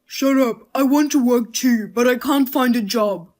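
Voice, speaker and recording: A woman's voice: fairly high pitch, measured pace, a little mellow, lightly acted. A woman voicing an idle, touchy husband who answers in a defensive, snapping way. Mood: irritated.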